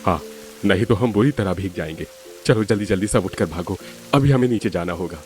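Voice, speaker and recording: A man's voice: sits low, fairly quick, a little mellow, faint music behind, lightly acted. A man voicing an easygoing older father-in-law who agrees with his wife and indulges in good food.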